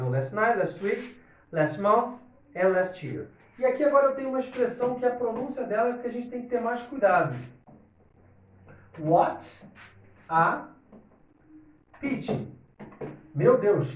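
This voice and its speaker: Man, English teacher, native Portuguese speaker, high lively voice, explains step by step, roomy sound from a distance. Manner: animated, explains step by step, checks in with "ok?". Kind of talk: online English lesson. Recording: echoey room, distant from mic.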